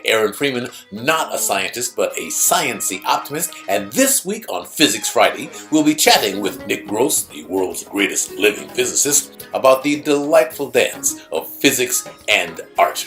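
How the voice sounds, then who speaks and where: A man hosting a light-hearted science show, playful and theatrical in his wording. His voice moves lively up and down in pitch. Faint music sits behind him. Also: unhurried, hardly any pauses. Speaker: host.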